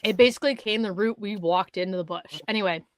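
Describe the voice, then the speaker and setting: A woman from Canada co-hosting a podcast, telling a hunting story in casual chat, animated and swearing, acting out other people's words. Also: medium pitch, fast talker, no room sound. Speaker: podcast co-host.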